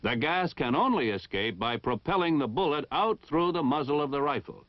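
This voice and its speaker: In a slightly high, animated voice, an American man narrates formal and precise instructions modeled on a 1960 military training film, enunciating with measured care. No room sound comes through, and the audio carries a dull 1960 soundtrack quality.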